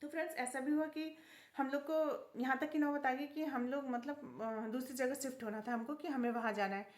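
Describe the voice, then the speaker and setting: High-voiced chatty woman vlogger. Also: steady tone, normal speed, echoey room. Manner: chatty, earnest, keeps addressing viewers as friends. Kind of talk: casual devotional storytelling to viewers.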